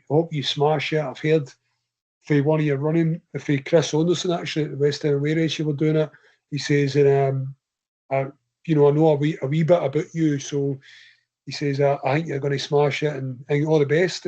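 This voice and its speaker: A Scottish man on a casual podcast, talking a little higher than most men as he rambles through a long story. The audio is slightly dull and lo-fi. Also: level tone, a little fast, mellow. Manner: long rambling anecdotes told in his own voice. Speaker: guest ultra runner.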